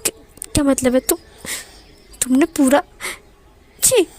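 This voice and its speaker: A man's voice: extremely high pitch, slow, a little mellow. A woman voicing a shy, nervous young man who stammers and pleads. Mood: nervous pleading.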